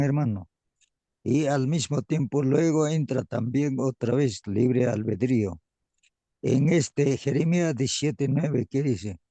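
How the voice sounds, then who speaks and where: A man's voice: mid-range voice, creaky, mellow, no echo. A man joining a Sabbath school Bible study discussion with short comments, thanking the teacher. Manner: brief comments, thanks the brother. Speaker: class member.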